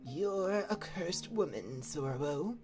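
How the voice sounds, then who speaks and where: A woman voicing an ominous old cow-headed woman monster in a slow, weak voice, as whispered role-play. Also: fairly low pitch, expressive, a little mellow, soft background music. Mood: accusing.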